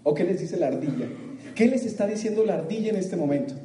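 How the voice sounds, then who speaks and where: A man's voice: high voice, expressive, fast, warm tone, distant mic. A man giving a motivational talk, throwing questions at the audience and acting out their answers with a laugh. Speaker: motivational speaker. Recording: echoey room with faint ambience.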